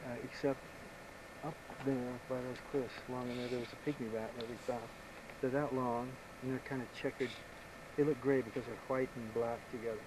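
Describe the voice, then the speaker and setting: A man rambles easily about the land around him, his words tumbling out fast. He sounds like an old VHS home video made outdoors on a camcorder. A steady layer of tape hiss sits under his voice. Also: medium pitch. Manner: easygoing, chatty, quick talker. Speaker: local guide showing a visitor around. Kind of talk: casual rambling storytelling. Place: outdoors on a rural property. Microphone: camcorder microphone.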